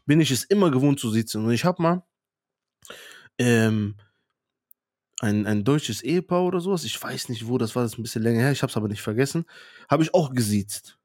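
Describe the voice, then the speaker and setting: A man's voice: medium pitch, animated, brisk, pauses often, darkish tone, no room sound, studio quality. A man co-hosting a podcast, telling a story earnestly and unhurriedly in casual chat. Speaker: podcast co-host.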